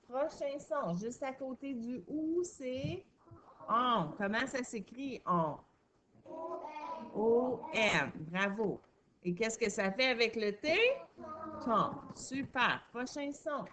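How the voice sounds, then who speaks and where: A woman teacher, guiding young children through a phonics lesson with clear questions and praise. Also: a little high.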